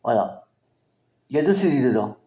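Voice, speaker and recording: A man from France casually presenting his record collection, halting and hesitant, with many fillers. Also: mid-range voice, sing-song, dark tone, echoey room. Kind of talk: casual collection show-and-tell.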